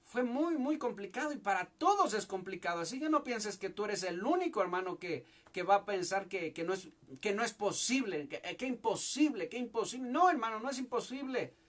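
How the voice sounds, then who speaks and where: A young man preaches a fervent sermon in a noticeably high voice. He speaks as a pastor and keeps calling out to his listeners as brother. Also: expressive, fairly quick, hardly any pauses, a bit bright. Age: young adult. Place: home church service.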